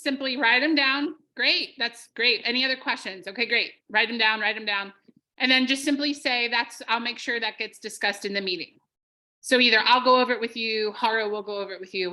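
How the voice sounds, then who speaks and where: Upbeat woman sales coach, brisk and bright, running call-script drills for her team. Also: fairly high pitch, poor audio. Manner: energetic, drills phrases with the group. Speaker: sales trainer. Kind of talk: live online sales training.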